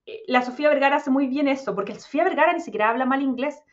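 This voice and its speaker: High-voiced Chilean woman chatting fast. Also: muffled recording. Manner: chatty, fast, full of slang fillers. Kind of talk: casual chat.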